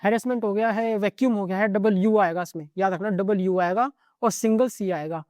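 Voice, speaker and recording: A male teacher giving a casual exam-prep lesson, rattling quickly through word lists and checking in with the listener after nearly every line. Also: high-pitched, darkish tone, no echo, clean studio sound.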